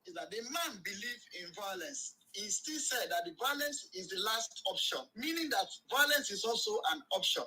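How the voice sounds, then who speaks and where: A man's voice: high-pitched, very animated, normal speed, few pauses, bright, forceful tone, rough recording. A man calling in to a talk show, heard over a phone on speaker, arguing his point emphatically and preachily. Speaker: caller. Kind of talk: call-in talk show opinion.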